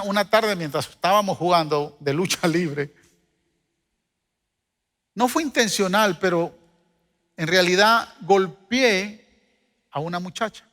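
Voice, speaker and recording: Bright, high-voiced middle-aged pastor preaching. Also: male voice. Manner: storytelling, joking with the congregation. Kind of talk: sermon. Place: church hall. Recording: long hall reverb.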